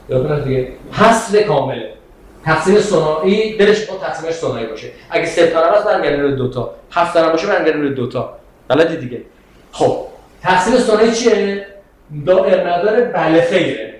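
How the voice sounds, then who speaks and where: A man teaching philosophy in a classroom lecture, animated and rhetorical, often putting questions to his students. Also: high voice. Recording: very echoey room.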